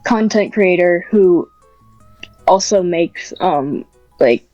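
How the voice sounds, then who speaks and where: In a casual interview chat, a podcast guest discusses writing ASMR scripts hesitantly, with plenty of fillers and restarts. She has a lowish, slightly mellow voice with lively intonation, speaks slowly, and there's no echo. The audio is muffled and dry, with faint background music.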